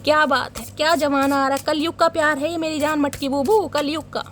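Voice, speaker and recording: Woman, high pitch, casual tarot reading, playful teasing, faint background noise. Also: steady tone, brisk, fairly bright tone. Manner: teasing, dramatic, addresses viewers as guys and darling. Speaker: tarot reader.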